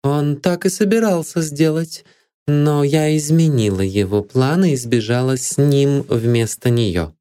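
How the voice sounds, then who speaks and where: A man's voice: mid-range voice, unhurried, warm tone, clear, resonant tone, voice pushed up, natural voice. A man voicing a proud, cool young woman who turns feverish under questioning, read as an audiobook figure. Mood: cold, scornful. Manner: cool and scornful, rising to feverish alarm.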